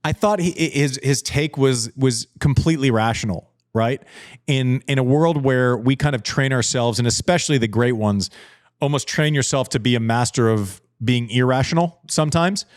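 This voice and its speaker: A man's voice: medium pitch, normal speed, no room sound, clean studio sound. A man in his forties co-hosting a casual chat show, emphatic and repeating phrases for stress. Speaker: podcast co-host.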